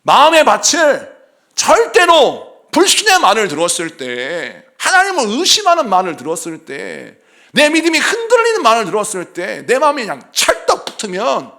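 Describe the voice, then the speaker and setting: Brief: middle-aged male pastor, high gravelly voice, fiery revival sermon with quiet asides. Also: moderate pace. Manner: animated preaching, jumps between shouts and soft asides; jokes and laughs with the congregation. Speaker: senior pastor. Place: church sanctuary.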